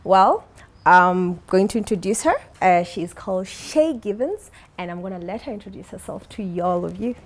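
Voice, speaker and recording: A woman's voice: medium pitch, expressive, moderate pace. A woman hosting a television interview show. She laughs easily and keeps the guest going with short affirmations. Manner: warm laughing, brief affirmations. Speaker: TV talk show host. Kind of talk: TV studio interview.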